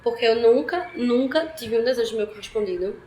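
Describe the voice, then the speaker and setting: A young woman talks quickly and directly about her experience. Her voice sits at a middle pitch and carries a roomy echo, with faint ambience behind it. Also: mellow, a little hiss or hum. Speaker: interviewee. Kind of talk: personal testimony.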